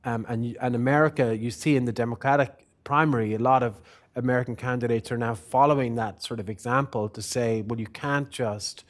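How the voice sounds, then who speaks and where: Man thinking aloud in a halting way. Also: mid-range voice, steady tone. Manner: thoughtful, hedging, halting with many restarts. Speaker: guest speaker, policy analyst. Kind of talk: unscripted answers at a forum discussion.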